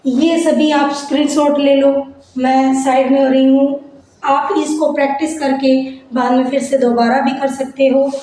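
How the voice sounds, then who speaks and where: A woman's voice: sits high, flat delivery, normal speed, mellow. A woman teacher giving a grammar lesson, asking the class questions and answering them herself. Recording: very echoey room, faint noise.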